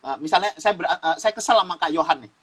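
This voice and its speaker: A man's voice: fairly high pitch, fast, fairly bright tone, husky, low-quality recording. A man from Sumatra teaching in a casual talk show, explaining like a preacher, repeating phrases and laughing as he goes. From Sumatra, Indonesia. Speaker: guest youth speaker.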